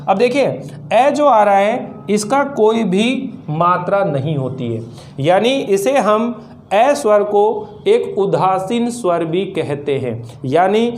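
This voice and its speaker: A man's voice: high-pitched, animated, takes it slowly, slight background noise. A man teaching Hindi grammar to students with a Rajasthani Hindi accent, patiently repeating each point as a question and answer and sounding out each vowel one by one. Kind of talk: classroom lesson to students.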